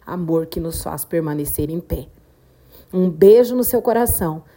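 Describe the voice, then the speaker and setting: A woman hosting a devotional podcast, preaching in a slow, fervent way with emphatic repetition. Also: fairly low pitch, animated, dark tone. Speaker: podcast host, devotional speaker. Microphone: podcast microphone.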